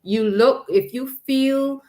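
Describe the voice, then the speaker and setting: A woman's voice: sits high, slow pace, a little mellow. A woman on a church panel discussion, speaking reflectively and thinking aloud, often murmuring agreement.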